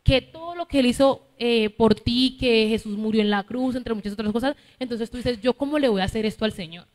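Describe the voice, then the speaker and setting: Woman preacher, colombian accent, fairly high voice, teaching tone, long reverb of a church hall. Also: a little fast. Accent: Colombian Spanish, Cali. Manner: teaching, asks listeners for agreement with "¿cierto?". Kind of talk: sermon.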